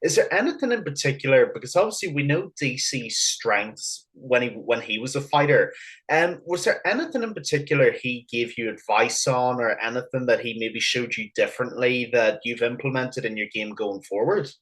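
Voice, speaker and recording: A man's voice: medium pitch, expressive, normal speed, a bit bright. A man co-hosts a podcast with an ordinary mid-range voice. He talks casually, cheering on his guest and joking along. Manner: enthusiastic, playful interviewer. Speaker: podcast co-host. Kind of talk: casual chat.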